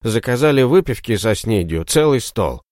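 A man's voice: medium pitch, sing-song, darkish tone, no echo, clean studio sound, lightly acted. Man doing a breathless young errand boy. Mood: hurried. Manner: blurts things out quickly. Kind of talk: audiobook reading.

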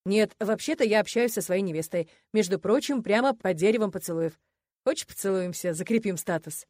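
A woman's voice: medium pitch, brisk, no room sound, clean studio sound, lightly acted. A woman doing a cool mocking young man. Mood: teasing. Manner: mocking, calm, teasing.

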